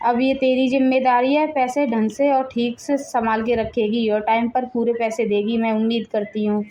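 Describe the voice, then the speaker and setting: A woman voicing a firm, bossy mother-in-law who runs the household, in an animated family drama. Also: fairly high pitch, moderate pace, lightly acted. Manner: firm, commanding.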